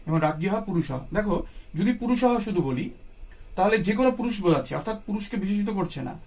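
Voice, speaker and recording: A man's voice: sits high, expressive, a little fast, a little mellow. A man with a Bengali accent teaching a grammar lesson, who repeats each point patiently and asks questions before answering them himself. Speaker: Sanskrit teacher.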